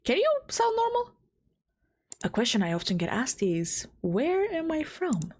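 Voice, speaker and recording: Her high, husky, slightly mellow voice swoops wildly in pitch and moves a little slowly. Between recording takes, this Balkan VTuber with a faint Albanian accent and stuffy nose chats to herself on a home mic, getting flustered, giggling, chiding herself, and starting lines over.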